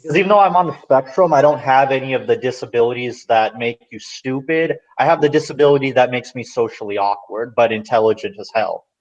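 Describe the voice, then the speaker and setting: A man's voice: medium pitch, brisk, few pauses. A man in a casual podcast chat, talking bluntly and rambling through his opinions. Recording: dull lo-fi sound.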